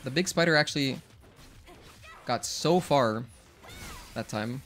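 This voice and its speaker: A young man streams a game speedrun with faint game music in the background, chatting casually with viewers in live-stream commentary. His medium-pitched, slightly bright voice moves slowly as he rambles and often corrects himself mid-sentence.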